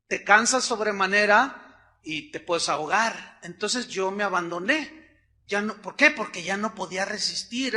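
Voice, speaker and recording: Middle-aged Mexican male pastor, high bright tense voice, animated storyteller in the pulpit. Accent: Mexican Spanish. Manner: animated, acts out quotes, swings from loud to hushed. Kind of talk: sermon with personal storytelling.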